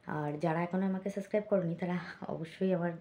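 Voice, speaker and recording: A woman vlogger talks casually to her viewers and reads their comments aloud. Her voice sits low and sounds mellow. She keeps it chatty, with many small fillers and asides. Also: fairly even intonation, fast. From Bengal.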